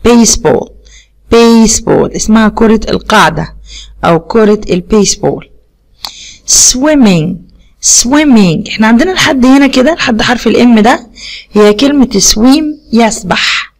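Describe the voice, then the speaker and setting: A woman's voice: on the high side, animated, moderate pace. Egyptian woman teaching children English. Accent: Egyptian Arabic. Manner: patient, repeats each word and asks the children questions. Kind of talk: recorded video lesson.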